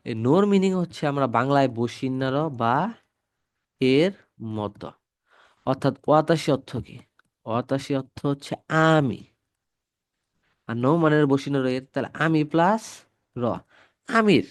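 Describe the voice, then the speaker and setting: A man's voice: medium pitch, lively intonation, unhurried, pauses often, no room sound, clean studio sound. A man from Bangladesh with a cold, teaching a grammar lesson and patiently repeating each example step by step. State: has a cold. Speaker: Japanese language teacher. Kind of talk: grammar lesson explaining slides.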